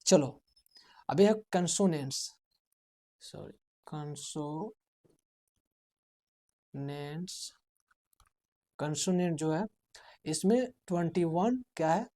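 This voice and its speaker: A man's voice: high-pitched, expressive, a little slow, warm tone. A male spoken English teacher giving a classroom lesson, asking the class questions, answering them himself and repeating the key words. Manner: urges students to write things down.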